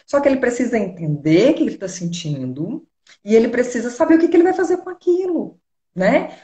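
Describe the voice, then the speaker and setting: A woman with a Brazilian accent gives calm advice as a psychologist, her voice mellow and relaxed. She asks rhetorical questions, and her voice carries a roomy echo. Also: on the high side, fairly quick. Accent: Brazilian Portuguese. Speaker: psychologist guest. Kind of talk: explanatory conversation.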